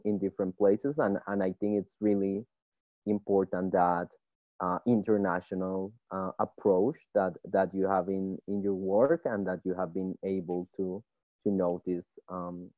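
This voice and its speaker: A man moderating an online panel, speaking haltingly and repeating words. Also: low voice, no echo. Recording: tinny dry phone-like call audio.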